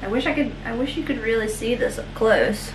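A middle-aged woman vlogging from her home kitchen, self-deprecating and halting, full of ums, filmed on a phone. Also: a little high, echoey room, background noise. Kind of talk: casual kitchen vlog. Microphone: phone camera.

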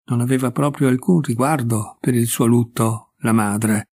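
A man reading a classic short story aloud in a measured, expressive narration. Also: mid-range voice. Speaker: audiobook reader. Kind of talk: literary narration.

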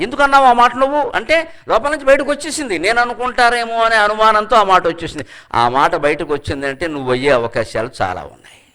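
An older man giving a lively public lecture to law students, acting out quoted people and chanting Sanskrit verses slowly. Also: fairly high pitch. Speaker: scholar and lecturer.

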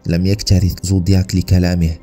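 A male storyteller with a very low, dark voice and a husky grain narrates a true-crime story in a measured, dramatic way. Faint music plays beneath his voice. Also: completely flat delivery.

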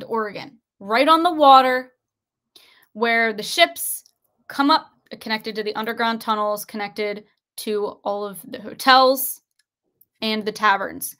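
A woman's voice: on the high side, a bit bright. A young woman hosting an online livestream, reading articles aloud and pressing her viewers with rhetorical questions from her desk. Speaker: online show host. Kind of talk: conspiracy commentary livestream. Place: indoors at a desk, screen-sharing.

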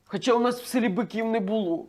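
An actor playing a naive, dim-witted village pop star who sounds bewildered, stammers and mixes Russian words into Ukrainian, in a comedy sketch. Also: male voice, sits high, quick pace, noisy background, lightly acted.

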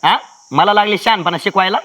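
An actor playing a callous young village lover, dismissive and mocking. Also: male voice, sits high, brisk, pushed and bright.

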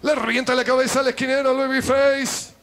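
Argentine man, wrestling play-by-play commentator. Very high, excited delivery with emphatic repetition, over a noisy live arena. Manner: emphatic, repeats phrases, drawn-out exclamations at big moves. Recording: loud crowd and arena noise. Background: wrestling crowd in small indoor arena.

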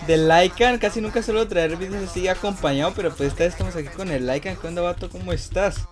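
A man's voice: high voice, quick pace, music in the background. A young man, hosting a gaming video in casual, chatty commentary, swearing and laughing freely. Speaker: gaming YouTuber host.

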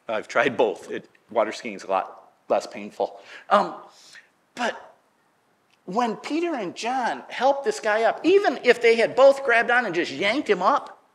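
A middle-aged man preaching a sermon in a church, telling a folksy story in a relaxed way and getting loud and lively as it peaks. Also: high voice. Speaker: pastor. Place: church sanctuary.

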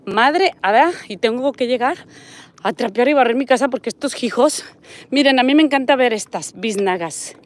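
A woman's voice: on the high side, animated, normal speed. A middle-aged woman with a Mexican accent, chatting casually on a walking vlog, reading viewer comments and pointing things out, recorded on a phone outdoors on a street. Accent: Mexican Spanish. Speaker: vlogger. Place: outdoors on a residential desert street.

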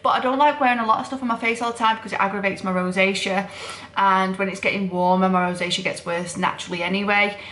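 A woman's voice: medium pitch, steady tone, fast, a bit bright, roomy sound. A tired young woman, a student nurse, chatting at home in a rambling, self-deprecating vlog, with the camera set down nearby. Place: home, indoors.

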